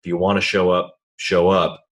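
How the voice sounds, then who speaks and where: Man, podcast host, very low voice, relaxed chatty delivery. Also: normal speed. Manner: laid-back and chatty, laughs easily. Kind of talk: casual interview chat.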